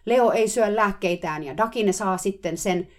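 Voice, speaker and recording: A woman voicing a quick-tempered female horse owner who shrieks and answers curtly. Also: mid-range voice, voice pushed up, natural voice. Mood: shrieking. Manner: shrieking, curt.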